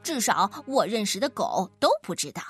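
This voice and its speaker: A woman voicing a loud, busy dog in a storybook, gruff and offhand. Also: mid-range voice, very animated, normal speed, soft background music, voice pushed down.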